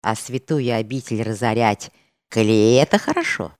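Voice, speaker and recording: A woman's voice: a bass voice, normal speed, a little mellow, no echo, studio quality. A woman doing a grim, stern monk. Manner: firm, sober, gloomy. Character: stern red-haired male monk, grim ex-soldier in chains.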